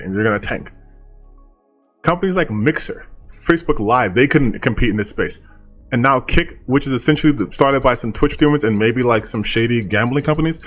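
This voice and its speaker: Man, mid-pitched voice, blunt casual commentary, dismissive, opinionated, some swearing, faint music behind. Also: a bit bright. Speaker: online commentator.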